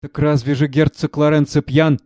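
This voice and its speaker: A man's voice: on the high side, little pitch movement, normal speed, a little mellow, dry recording, studio quality, close to an everyday voice. A man voicing a simple, puzzled servant. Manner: naive questioning.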